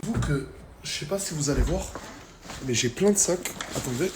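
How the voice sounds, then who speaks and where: Higher-pitched man talking French suburban street slang. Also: animated, normal speed, heavy background noise. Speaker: host of the vlog. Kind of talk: casual spoken vlog chat. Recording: crowd chatter behind.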